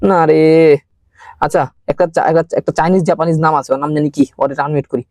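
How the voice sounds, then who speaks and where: Fast-talking man teaching online. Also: a little high, fairly even intonation, a little mellow, dry recording, studio quality. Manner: fast, chatty, mixes in English words. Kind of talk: live online class lecture.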